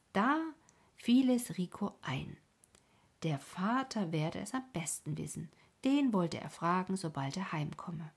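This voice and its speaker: A woman reads a bedtime story aloud for listeners falling asleep. Her voice is fairly low and very breathy, slipping into a soft whisper. She keeps a slow, calm, soothing delivery. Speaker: sleep podcast host.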